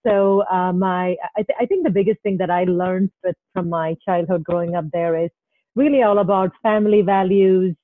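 A woman's voice: lowish voice, fairly even intonation, normal speed, dry recording. A woman from Kerala with an Indian accent, answering interview questions casually, with hesitant pacing and rephrasing as she goes. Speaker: podcast guest, startup founder. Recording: thin phone-like, roomless dry sound.

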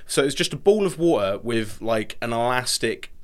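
A man with a Norfolk English accent chatting casually as a podcast co-host, sweary and self-deprecating and quick to laugh. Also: mid-range voice, expressive. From Norfolk, England. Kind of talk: casual comic banter. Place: home garage. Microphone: podcast microphone.

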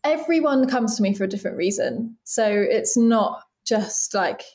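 A young woman in her late twenties chats openly and earnestly as an interview guest. She talks at an easy, unhurried pitch for her age, peppering her speech with "like" fillers. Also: animated, darkish tone. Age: late 20s. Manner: chatty, open and earnest, many "like" fillers. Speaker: body casting artist, guest. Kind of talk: casual interview conversation.

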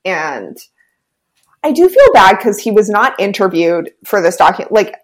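A woman's voice: medium pitch, big pitch swings, a little slow. A woman co-hosting a casual chat podcast, giggly and agreeable. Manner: giggly, agreeable, many "yeah"s. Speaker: podcast co-host.

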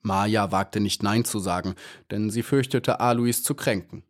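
Slow, measured male storybook narrator. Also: fairly low pitch. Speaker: audiobook narrator.

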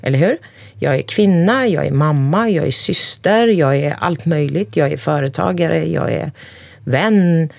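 A woman in her forties, an interview guest speaking bluntly and emphatically, swearing freely and listing things off in quick runs. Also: deep voice, creaky, a little mellow, dry recording. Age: 40s. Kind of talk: candid conversation.

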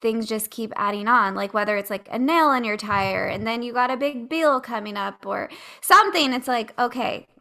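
A woman hosts a podcast with a bright, forward voice that often drops into vocal fry. She chats candidly and informally, as if among friends. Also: a little high, moderate pace. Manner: informal, candid, mild swearing. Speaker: podcast host. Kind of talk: casual podcast chat.

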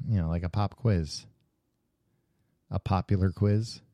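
A man co-hosting a comedy podcast, teasing in a dry, deadpan way and laughing often. His voice is dark and mellow. The sound is close and dry. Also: deep voice, a little slow, no room sound. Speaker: podcast co-host. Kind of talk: casual comedic chat.

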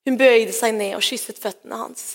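A woman's voice: on the high side, fairly even intonation. A woman pastor giving a sermon in a church service, retelling scripture in a personal, conversational way. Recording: long hall reverb.

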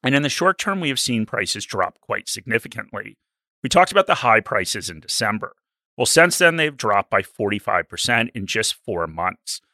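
Raspy bright-voiced man. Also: lowish voice, sing-song, moderate pace, dry recording. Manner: dry, joking, then explanatory with figures. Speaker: podcast co-host. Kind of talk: casual investing podcast chat.

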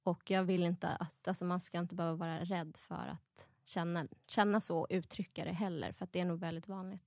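A woman's voice: fairly low pitch, flat delivery, few pauses, darkish tone, dry recording, clean studio sound. A young adult woman speaking as a guest in a casual chat, candid and reflective, often trailing off mid-thought.

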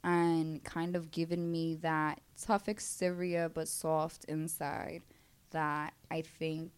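A woman's voice: deep voice, flat delivery, takes it slowly, clear, resonant tone. A woman from Brooklyn with a Brooklyn accent, talking candidly and casually as an interview guest, blunt and slangy with frequent swearing. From Brooklyn, New York.

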